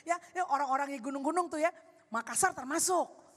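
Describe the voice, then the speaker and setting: A woman pastor, preaching a sermon loudly and with animation, adding playful asides. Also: high-pitched, fairly quick. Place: large church hall. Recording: long hall reverb.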